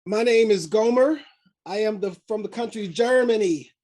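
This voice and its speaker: Playful man with a high voice. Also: normal speed, darkish tone. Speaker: workshop participant. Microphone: video call.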